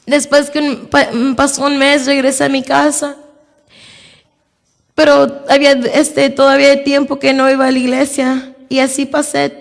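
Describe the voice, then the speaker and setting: Young woman, church testimony, high and level with gravel, halting delivery, long hall echo. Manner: slow and halting, with many repeated openings. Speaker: church member giving testimony. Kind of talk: personal religious testimony.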